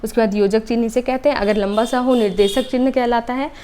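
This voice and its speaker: A young adult woman teaches an exam-prep lesson. She explains step by step, repeats her points, and often checks in with a quick "okay". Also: a little high, fairly even intonation, dark tone.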